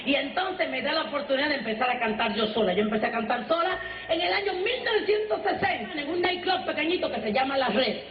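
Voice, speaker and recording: A Cuban singer from Santiago recounts her life, her high voice racing along. She speaks folksy and emphatic, calling out to her listeners as brothers. The recording is roomy and muffled, with music underneath. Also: animated, fast talker. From Santiago de Cuba. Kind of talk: first-person life storytelling.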